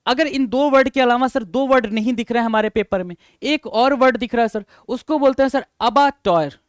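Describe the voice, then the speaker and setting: Male vocab teacher, high voice, repeats words to drill them in. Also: fairly quick, smooth, no echo, studio quality. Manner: repetitive, coaxing, addresses learners as sir and brother. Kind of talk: vocabulary lesson.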